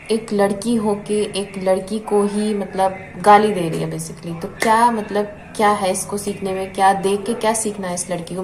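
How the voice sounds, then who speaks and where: A woman vlogger delivers her opinion earnestly and with clear indignation, leaning on the same filler word again and again. Her voice sits at an ordinary middle pitch for a woman. The recording is echoey and roomy, with plain background noise underneath. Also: a little mellow. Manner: earnest, indignant, repeats "basically" often. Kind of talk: opinionated commentary vlog.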